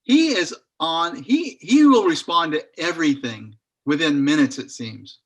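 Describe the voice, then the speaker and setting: A man's voice: on the high side, animated, measured pace, breathy edge. A man chatting casually in an online study group over a video call, rambling a little and thinking aloud as he goes.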